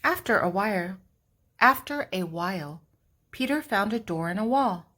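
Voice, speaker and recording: Expressive and sharp in tone, an older woman's mid-range voice carries a children's storybook narration. She punctuates it with deliberate, dramatic pauses and emphasis.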